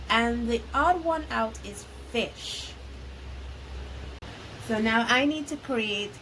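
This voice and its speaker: A woman's voice: fairly high pitch, poor audio. Sniffly woman chatting over rain noise. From Belize. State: sniffly from allergies. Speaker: art channel host. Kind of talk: casual art vlog chat. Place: at home near a highway, rain on the house. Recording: home recording with rain and ambient noise. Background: rain, outdoor ambience.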